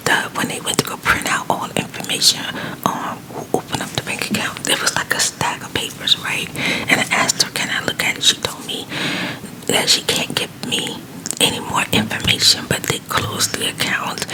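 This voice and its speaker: A woman whispers a rambling, conversational personal story in a hushed, breathy ASMR style, quiet as though it's night. The recording is rough.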